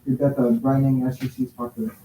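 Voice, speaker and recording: A man reading stage directions aloud in a classroom, halting and stumbling over words. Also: medium pitch, expressive, dark tone, a little hiss or hum. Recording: echoey classroom from a distance.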